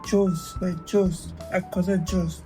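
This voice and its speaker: A young man chatting to viewers in a casual late-night cooking vlog, mixing in English words and often speaking softly. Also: high-pitched, flat delivery, moderate pace, soft background music, low-quality recording. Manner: speaks in a hushed voice so as not to wake a sleeping roommate. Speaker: vlogger. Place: small kitchen at night, indoors.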